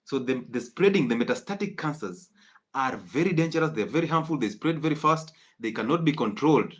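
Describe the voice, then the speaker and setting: A man lectures his viewers in a live-streamed health talk. His pitch is middling, and his delivery is preachy and insistent, circling back to drive each point home. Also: lively intonation, brisk. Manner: emphatic, preachy, repeats key points. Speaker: health educator.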